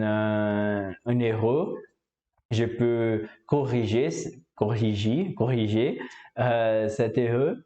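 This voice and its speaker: A Brazilian man explains casually how he learned French, his Brazilian Portuguese accent clear in every word. He talks slowly, pausing often on fillers and repeating words while searching for them. His voice is dark, mellow and fairly low, with the highs cut off.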